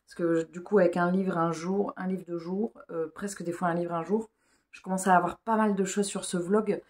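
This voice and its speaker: A woman's voice: on the low side, steady tone, normal speed, darkish tone. A woman chatting casually for a vlog, informal and hesitant as she thinks aloud. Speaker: vlogger. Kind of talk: casual rambling vlog chat.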